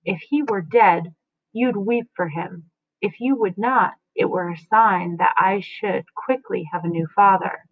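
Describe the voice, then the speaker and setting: A woman reading the lines of a witty young boy who asks quick, cheeky questions. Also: mid-range voice. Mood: questioning. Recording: tinny phone-like dry sound.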